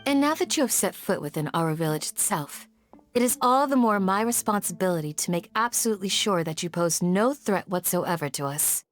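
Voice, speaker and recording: An actress playing a gentle but firm village guardian in a video game, speaking politely, formally and with composure. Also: female voice, medium pitch, animated, a little fast, faint music behind, close to an everyday voice. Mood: calmly firm. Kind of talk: video game character acting.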